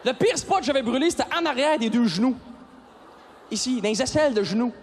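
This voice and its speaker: A man in his thirties with a Québécois accent doing a stand-up routine on an arena stage, animated and breaking into shouted high bursts. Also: fairly quick. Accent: Québécois French. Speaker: stand-up comedian. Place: large arena stage with audience. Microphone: stage microphone. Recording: live arena recording with crowd laughter and faint noise.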